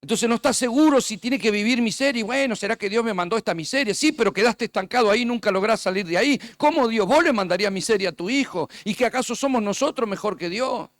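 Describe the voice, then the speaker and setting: A man's voice: high-pitched, quick pace, few pauses, fairly bright tone, dry recording. A man preaching a sermon as pastor, telling stories and acting out the dialogue.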